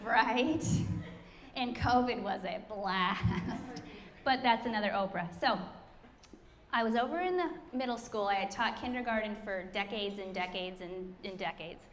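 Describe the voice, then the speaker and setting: A middle-aged woman with a mid-range voice speaks at a moderate pace as she introduces the founder to an audience. She tells a chatty, self-deprecating story and laughs often, with hall reverb and faint room noise in the recording.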